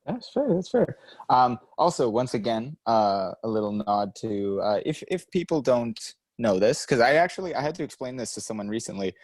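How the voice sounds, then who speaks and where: A man's voice: mid-range voice, dry recording. Chatty young man, dry close mic. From Canada. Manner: chatty, self-mocking, quick asides. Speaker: podcast co-host. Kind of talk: casual chat.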